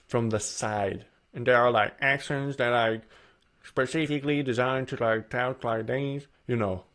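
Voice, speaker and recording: Guy talking through a self-help presentation, earnest, restarts his sentences a lot, mid-pitch voice. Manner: earnest, repeats and restarts phrases.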